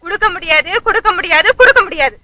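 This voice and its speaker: Scolding wife, nagging, very high bright voice, film comedy dialogue. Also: female voice, very fast, no echo, exaggerated voice.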